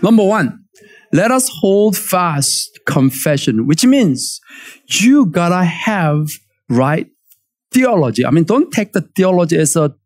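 A man's voice: high voice, slow pace. A male pastor preaching a sermon in a conversational way, checking in with his listeners and searching for words as he goes. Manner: animated, frequent "yeah?" check-ins and fillers.

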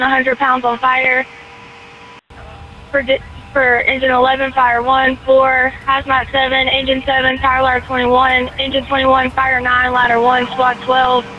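A woman's voice: high voice, dull audio. A woman working as a fire dispatcher, calling out units and reading back messages in a clipped, procedural way. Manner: clipped, procedural read-backs. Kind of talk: scripted emergency dispatch radio calls. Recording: noisy radio dispatch recording.

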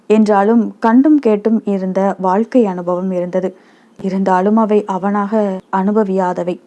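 A woman narrating a short story as a storyteller, in a calm, measured reading. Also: medium pitch.

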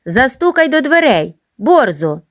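A woman's voice: high voice, very animated, measured pace, voice pushed up, heavily acted. A woman voicing a gang of mischievous schoolboys who tease and boss a newcomer in a storybook reading. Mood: mocking. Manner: taunting, bossy shouts. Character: mischievous schoolboys, teasing and mocking.

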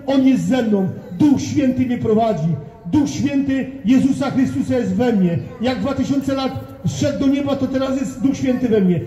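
A man's voice: extremely high pitch, dark tone, a little hiss or hum. An older man preaching fervently in the open air, repeating himself and addressing passers-by directly. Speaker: street evangelist. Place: town market square outdoors. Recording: echoey, dull lo-fi outdoor recording.

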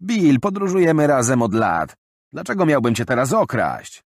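A man's voice: mid-range voice, very animated, moderate pace, dry recording, clean studio sound, voice pushed up. A man voicing a traveler who defends himself against an accusation, exasperated. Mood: defensive.

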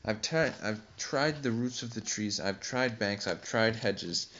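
A man voicing a suspicious, complaining pigeon in an audiobook, loud and aggrieved. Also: lowish voice, unhurried, slight background noise. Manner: screaming, complaining. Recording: dull lo-fi recording.

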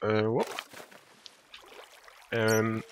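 A man's voice: lowish voice, completely flat delivery, slight background noise. A Swedish man giving playful, casual commentary while playing a video game, often singing made-up lines and exclaiming. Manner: playful, improvises silly songs and exclamations. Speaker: let's play gamer.

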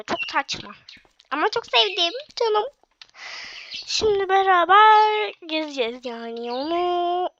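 A woman's voice: sits high, a bit bright, muffled recording, a little hiss or hum. A young woman hosting her own game video, chatting to viewers in a casual way while sick with a cough. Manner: chatty, addresses viewers directly. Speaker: gaming channel host.

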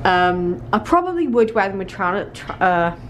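A young adult British woman films herself with a handheld camera in a small clothing shop's fitting room, trying on outfits and chatting informally, often repeating words to stress them. Her medium-pitched voice is sing-song and moderately paced, with slight background noise.

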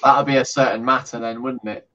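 A man with an ordinary mid-range voice cuts in with quick, playful remarks during a relaxed stream. The sound is somewhat dull. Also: mid-range voice. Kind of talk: casual banter.

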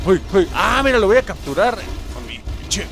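A young adult man with a Mexican accent giving excitable gameplay commentary, swearing and yelping as he plays. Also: high voice, normal speed, gravelly. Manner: excitable, swearing, yelps and shouts. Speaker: gaming youtuber.

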